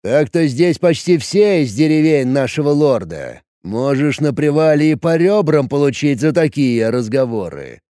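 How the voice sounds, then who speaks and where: A man voicing a veteran male goblin soldier who talks in a deep, slow, grumbling way. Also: sing-song, mellow, no echo, studio quality. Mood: warning.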